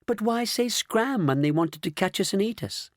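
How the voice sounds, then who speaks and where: A man's voice: sits high, lively intonation, moderate pace, no echo, clean studio sound, pitched above the performer's own voice. Man doing a curious, earnest young boy. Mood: curious questioning. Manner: questioning, earnest.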